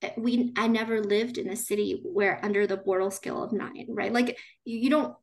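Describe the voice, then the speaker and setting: A woman's voice: medium pitch, steady tone, brisk. Chatty young woman from China. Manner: talks in restarts with frequent "you know" and "right?". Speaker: speaker answering questions after a talk. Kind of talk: casual conversation.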